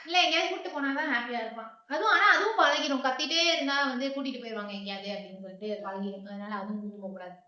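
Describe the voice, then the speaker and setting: A woman's voice: a little high, racing, hardly any pauses, sharp tone, roomy sound, highs cut off. A woman vlogger chatting casually at home, talking with her husband and scolding their dog. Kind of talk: casual home vlog chat. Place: home and garden.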